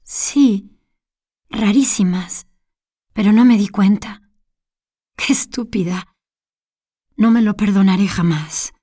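A fretful, remorseful lady, as a woman reader puts her on, repeating herself in a higher, anxious storybook voice. The delivery is slow and mellow, heard close and dry with no room around it. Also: no echo. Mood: recalling. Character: flustered middle-aged lady, remorseful. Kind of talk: storybook reading.

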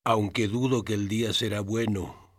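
A man's voice: on the low side, steady tone, moderate pace, natural voice. A man playing an anguished, self-blaming doctor who has gone blind, in an audio drama. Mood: subdued, grave.

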